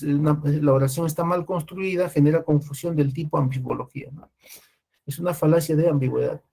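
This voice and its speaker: Lecturing man, a bit high-pitched. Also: warm tone. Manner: explains with frequent "¿no?" and "¿ya?" checks, restarts. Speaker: teacher. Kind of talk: classroom lecture.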